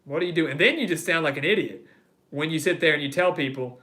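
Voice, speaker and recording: A man's voice: on the high side, fast talker, bright, forceful tone. A man hosting a live sports talk stream, reading viewer comments and ranting heatedly, repeating phrases for emphasis. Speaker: host of a live sports show.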